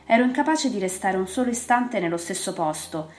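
A woman reading a first-person novel aloud in a measured, expressive way. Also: medium pitch. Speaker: audiobook reader. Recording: roomy with faint music.

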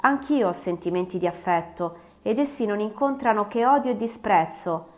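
A woman's voice: fairly low pitch, normal speed, natural voice. A woman voicing a bitter, vengeful male creature in an audiobook, declaiming his threats with force. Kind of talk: audiobook reading.

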